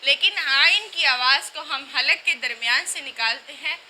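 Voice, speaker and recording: Bright, high-voiced woman teaching recitation. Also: slight background noise, poor audio. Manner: repeats letters and words slowly to demonstrate, then explains briskly. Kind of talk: tajweed lesson, explaining and demonstrating sounds.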